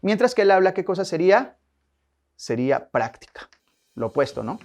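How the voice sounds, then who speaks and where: A man's voice: sits high, big pitch swings, moderate pace, darkish tone. A male language teacher, giving a classroom lecture in which he poses questions and answers them himself.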